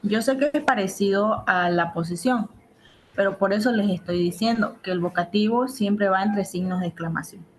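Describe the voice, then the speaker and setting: A woman's voice: medium pitch, moderate pace, slight background noise, poor audio. A woman teaching assistant giving an online grammar lesson, explaining step by step and checking in with her students.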